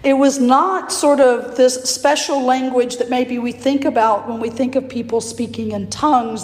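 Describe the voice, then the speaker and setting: A hoarse, raspy woman priest preaches in a measured, gentle way. Her voice sits a little high and rings through a roomy church with a long reverb tail. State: hoarse from allergies. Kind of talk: sermon. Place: church sanctuary.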